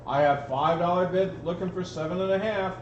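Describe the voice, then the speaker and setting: A man's voice: sits high, brisk. A man working as an auctioneer at a live auction, calling bids repetitively with folksy, casual banter. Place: auction gallery room, livestream. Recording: roomy, distant mic, dull, noisy.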